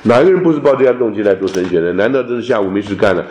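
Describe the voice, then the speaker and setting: A man teaching a theology class, lecturing in an animated way and dropping in English terms. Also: on the low side, very fast, a little hiss or hum. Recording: roomy echo.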